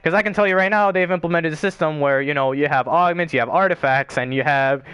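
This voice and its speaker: A man's voice: fairly high pitch, quick pace, a bit bright, clean tone, no echo. A young man chatting casually on a gaming stream, rambling and swearing with lots of filler words.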